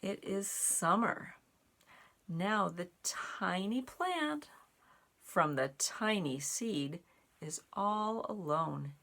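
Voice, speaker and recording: A woman reading a children's picture book aloud in an expressive, deliberate way for young listeners, with little asides. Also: mid-range voice. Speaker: storybook reader and sign language teacher.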